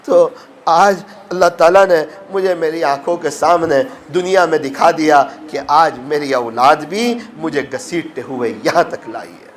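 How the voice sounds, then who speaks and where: A man preaching a sermon, telling moral stories with emotion and acting out the voices of the people in them. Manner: emotional, acts out quoted voices with rising pitch. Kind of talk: sermon with storytelling.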